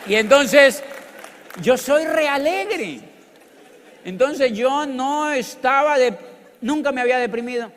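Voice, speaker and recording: High-voiced Colombian man telling stories in a hall. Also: slow, long pauses, a faint crowd. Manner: animated, joking, bursts into loud exclamations. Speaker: motivational speaker. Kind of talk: storytelling business talk. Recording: long hall reverb.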